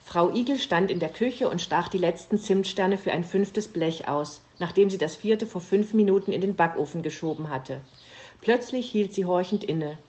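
A woman narrates a children's story with an expressive reading manner. Her voice sits on the low side. She reads steadily and clearly. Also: normal speed.

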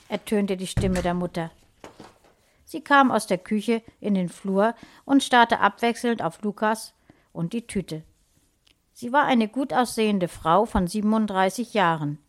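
Lady reading her own little christmas-y story, calm and steady, normal pitch. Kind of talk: storybook narration.

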